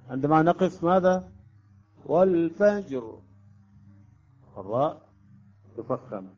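A man teaching Quran recitation rules, explaining step by step, chanting examples slowly and quizzing his students. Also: medium pitch, mellow. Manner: asks students questions. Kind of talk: tajweed lesson. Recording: dull lo-fi recording.

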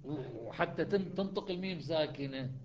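Brief: man, Quran recitation teacher, slightly high voice, dull lo-fi classroom recording. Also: animated, crowd noise. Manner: explains step by step, breaks into slow chanted recitation. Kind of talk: classroom lesson on Quranic readings.

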